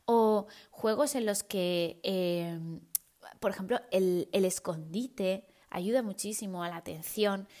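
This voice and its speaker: A woman's voice: mid-range voice, darkish tone. Chatty Spanish-speaking woman giving parenting tips. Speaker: parenting educator. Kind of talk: casual advice talk to camera.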